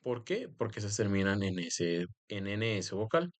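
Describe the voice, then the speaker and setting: Teacher, male, low voice, patient explanatory delivery, leans on filler phrases. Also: very animated, normal speed. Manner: explanatory, repeats "en este caso" as a filler. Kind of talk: recorded grammar lesson.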